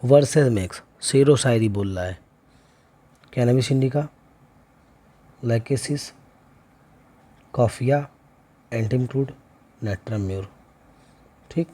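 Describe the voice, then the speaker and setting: Going through a chart in a homeopathy lecture, this man lists remedy names in sequence with frequent check-ins. He speaks slowly at a medium pitch, mellow, pausing often.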